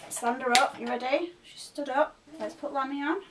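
A young woman in a bedroom, gently asking a small child questions while unboxing a toy. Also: high-pitched, normal speed. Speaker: vlogger and mother. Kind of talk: casual toy unboxing chat. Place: bedroom, sitting on a bed. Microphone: camera mic from a few feet away. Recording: distant camera mic, clear background noise.

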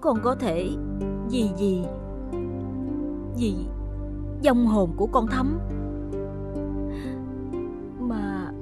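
A woman's voice: fairly high pitch, extremely slow, long pauses, over music. An actress playing a kind, humble woman with a southern Vietnamese accent in a television drama. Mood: tearful pleading.

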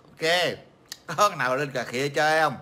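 A man's voice: on the high side, moderate pace, pushed and bright. A middle-aged man from Vietnam hosting a casual livestream chat, rambling and mocking, with many fillers and repeated words. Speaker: livestream host.

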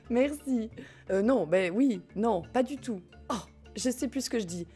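She takes her time, a French woman whose mellow, expressive voice sits a little high as she live-streams a game. Game music plays while she giggles, chats casually, swears offhandedly and addresses her viewers.

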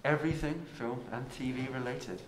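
A man's voice: mid-range voice, fairly even intonation, moderate pace, very noisy, close to an everyday voice. A young man playing a hesitant, bumbling co-anchor on a spoof TV news show. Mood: earnest. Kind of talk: spoof news bulletin presenting. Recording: echoey room sound.

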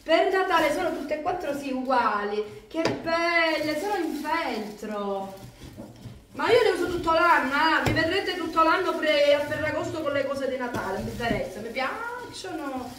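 A woman's voice: sits high, animated, moderate pace. A woman vlogging casually at home as she opens Christmas gifts, gushing over each one. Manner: effusive, exclaiming over each gift. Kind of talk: casual vlog chat. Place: home room. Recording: echoey room from far off, loud noise.

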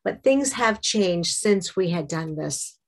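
Slow-talking middle-aged woman. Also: on the low side, expressive. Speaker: vlogger giving a devotional. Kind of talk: casual talk to camera with devotional reading.

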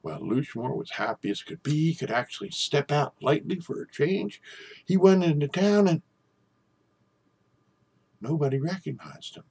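An older man with a husky, slightly high-set voice tells a traditional Irish tale. His delivery is lilting, folksy and conversational, that of an oral storyteller. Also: lively intonation, moderate pace, long pauses, a little mellow. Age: older, about 60s or 70s.

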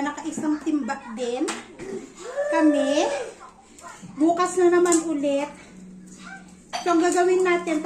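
A woman's voice: high-pitched, roomy sound, background noise. A young woman, a mother, chatting casually to her viewers and telling a story from home while she works. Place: at home, indoors.

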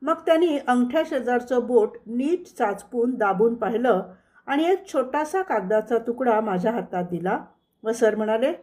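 A woman narrating a first-person memoir as a scripted audiobook reading, in a measured storytelling manner that touches quoted lines only lightly. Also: fairly high pitch, darkish tone.

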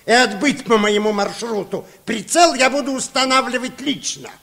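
An actor playing a boastful old baron who tells tall tales with grandiose, theatrical exaggeration in a Soviet radio play. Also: male voice, extremely high pitch, lively intonation, normal speed, gravelly, fairly bright tone, full character voice. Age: older. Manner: grandiose, mock-aggrieved, exaggerating.

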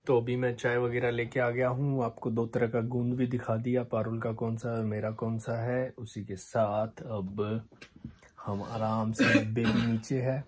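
A man's voice: mid-range voice, flat delivery, measured pace, a little mellow, a little hiss or hum. A man casually explaining his family's morning to the camera in an easygoing way. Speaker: vlogger. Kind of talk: casual family vlog talk.

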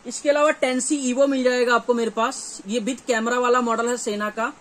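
A man in his thirties with a North Indian accent presents products to camera in an informal, repetitive way, working as a dealer in a small cluttered gear shop. His pitch is extremely high and steady, at a normal speed. The recording carries faint background noise from the shop.

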